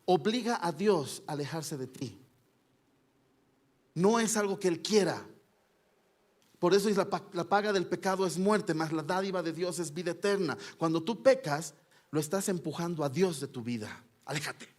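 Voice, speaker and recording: Here the preacher's voice is on the high side and moves at a moderate pace. His impassioned delivery rises loudly and falls to a hush, peppered with rhetorical questions for the congregation.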